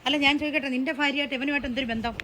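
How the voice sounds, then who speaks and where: A woman's voice: high voice, fairly even intonation, rapid-fire, bright, forceful tone, slight background noise. A middle-aged Malayali mother questioning sharply and comforting. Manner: questioning, then soothing. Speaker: mother in prank.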